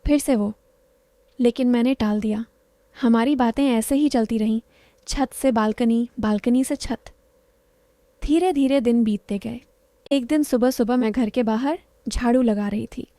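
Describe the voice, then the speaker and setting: A woman confides a romantic story in the first person, her voice fairly high yet soft and mellow. The sound is close and dry, with no room around it. She talks as if sharing a secret with a friend. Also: measured pace, no echo.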